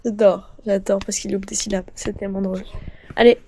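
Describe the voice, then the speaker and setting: A woman's voice: mid-range voice, flat delivery, a little fast, vocal fry, warm tone, a little hiss or hum. A woman of twenty chatting casually and rambling in a bubbly way as she films her own vlog. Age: 20s. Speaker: vlogger.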